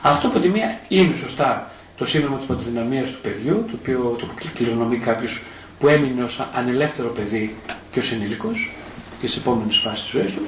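Animated man lecturing in an echoey room. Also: mid-range voice, a little hiss or hum. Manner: animated, asks and answers his own questions; acts out a child's inner voice in first person. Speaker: psychotherapist. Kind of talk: spoken lecture on psychotherapy.

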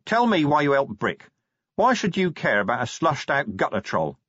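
A man voicing a weary male watch commander who speaks curtly and sardonically, his voice raised and lively. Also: fairly high pitch, breathy edge, dry recording, pitched above the performer's own voice, heavily acted. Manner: curt, sardonic, brisk. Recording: dry, slightly dull audiobook sound.

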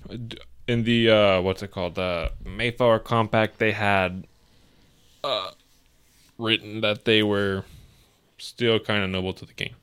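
Low-voiced, rambling male podcast co-host. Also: fairly even intonation, fairly bright tone, clean tone. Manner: rambling, halting, with many restarts. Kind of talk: casual chat.

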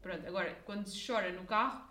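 Fast-talking Portuguese woman, echoey room. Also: medium pitch, pushed and bright. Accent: European Portuguese. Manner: emphatic, opinionated, playful. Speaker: podcast co-host. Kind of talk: casual chat.

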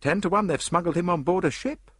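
Gloomy, lofty detective, voiced by a man. Pitched higher than the narration. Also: quick pace, no echo.

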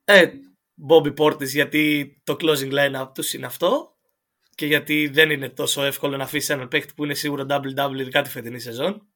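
A man chatting casually as a podcast co-host, thinking aloud with many pauses and fillers. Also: medium pitch, steady tone, a bit bright. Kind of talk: casual basketball chat.

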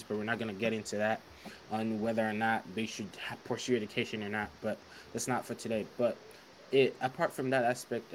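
Guy on a podcast thinking out loud, medium voice, long explanations, little bit of hiss. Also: medium pitch, rough recording. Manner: reflective, explains points at length. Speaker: podcast co-host. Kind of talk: casual chat.

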